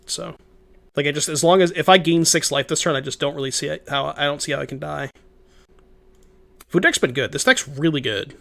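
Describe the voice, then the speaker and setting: It's casual gameplay commentary from a young man playing a card game on stream, his voice congested and somewhat shot. Fairly high, gravelly and a bit bright, he speaks fairly quickly but pauses often, chatting, reading chat aloud, musing and frequently starting over.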